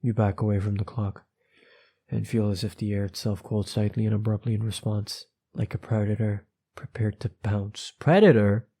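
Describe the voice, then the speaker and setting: Low husky man reading horror aloud. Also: monotone, warm tone. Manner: reads quickly, stumbling, with nervous asides to viewers. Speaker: channel host reading a horror story. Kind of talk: second-person horror story read aloud.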